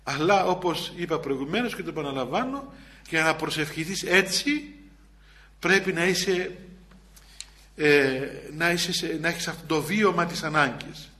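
A male Orthodox priest giving a sermon in a high voice. His tone is bright and ringing. He talks plainly, circling back over the same phrases with small hesitations. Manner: repeats phrases for emphasis, with frequent hesitations and restarts; chants psalm verses in an older liturgical register. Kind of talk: spiritual sermon.

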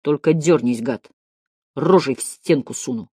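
Cast: woman playing a stern male teacher, loud barking voice, lively delivery. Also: lowish voice, normal speed, no echo, studio quality, close to an everyday voice.

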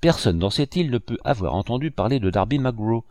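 A man voicing Long John Silver, a cunning pirate leader who speaks gruff and coaxing while forcing bravado. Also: mid-range voice, lively intonation, fairly quick, a little mellow, no echo, clean studio sound, natural voice. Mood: defiant. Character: cunning one-legged pirate leader, old sea cook.

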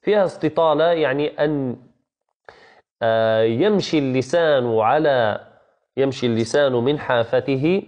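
A man teaching a Quran recitation lesson, patiently repeating key phrases and chanting verses slowly. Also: medium pitch, a little mellow. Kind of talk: online tajweed lesson.

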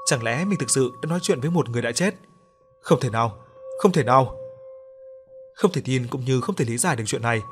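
A man narrating a ghost story in a steady, even reading. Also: medium pitch. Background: faint music.

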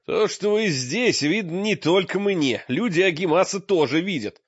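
A man doing a gruff barking warrior. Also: medium pitch, expressive, a little fast, no echo, close to an everyday voice. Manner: barking, rough, commanding. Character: gruff brawny male warrior, blunt and scornful. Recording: dull lo-fi sound.

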